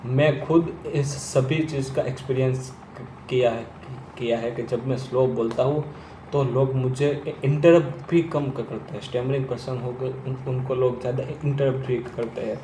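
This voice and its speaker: A man coaching people who stammer. He stammers himself and repeats first sounds, speaking slowly and deliberately. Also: medium pitch, fairly even intonation, mellow, reverberant, slight background noise, rough recording. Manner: slow, deliberate delivery with long pauses. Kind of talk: instructional talk to camera.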